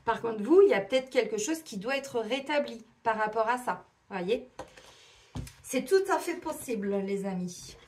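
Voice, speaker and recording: A middle-aged woman doing a casual oracle card reading, chatty and animated, acting out little imagined dialogues. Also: on the high side, unhurried. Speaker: tarot and oracle card reader.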